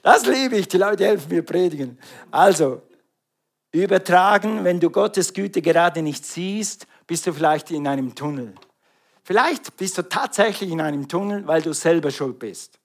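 A middle-aged man from Switzerland with a Swiss German accent, preaching an animated sermon and calling out to the congregation. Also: sits high, normal speed, creaky.

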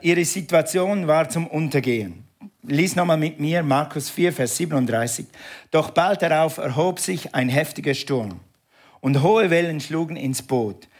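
A pastor preaching with energy and leading his congregation in call and response. His voice sits a little higher than most men's. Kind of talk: sermon.

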